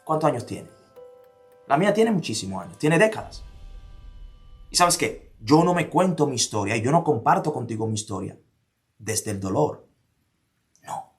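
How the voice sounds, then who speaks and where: A man's voice: mid-range voice, big pitch swings, normal speed, long pauses, faint music behind. Emphatic Dominican man asking questions. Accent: Dominican Spanish. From Dominican Republic. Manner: emphatic, fires repeated rhetorical questions, drops to near-whispers for stress. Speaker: motivational speaker. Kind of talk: motivational talk.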